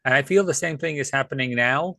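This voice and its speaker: Male panel guest, medium voice, dry close recording, measured and thoughtful delivery. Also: mid-range voice, creaky, pushed and bright, no echo, low-quality recording. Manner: thoughtful, many fillers. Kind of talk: casual panel discussion.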